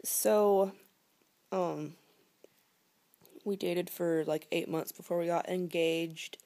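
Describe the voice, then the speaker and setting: Her pitch sits fairly low and her intonation stays fairly even, with a slow pace and a dark tone. She's a twenty-something vlogger filmed close-up on a nearby phone or laptop camera in her living room, chatting casually, rambling with many fillers and occasionally whispering.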